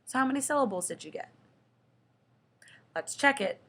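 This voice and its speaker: A young woman teaching a children's lesson, slow and patient, stretching out the example words. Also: high voice, expressive, bright, forceful tone. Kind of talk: children's lesson explaining syllables.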